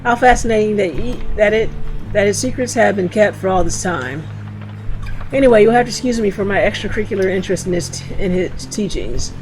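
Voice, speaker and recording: A woman's voice: medium pitch, brisk, darkish tone, close to an everyday voice, poor audio. A woman reading as a musing old male scholar. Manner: reads aloud with stumbles and restarts.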